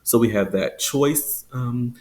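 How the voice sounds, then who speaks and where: A man teaching a phonetics lesson, explaining with fillers and stretching out example words slowly. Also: mid-range voice, darkish tone. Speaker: accent teacher.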